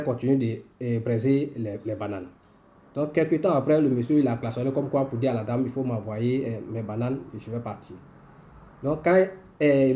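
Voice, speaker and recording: A man from the country's northwest, hosting a weekly language lesson and telling a story at an unhurried pace with many filler pauses. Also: medium pitch, mellow. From northwest Côte d'Ivoire. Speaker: host and language teacher.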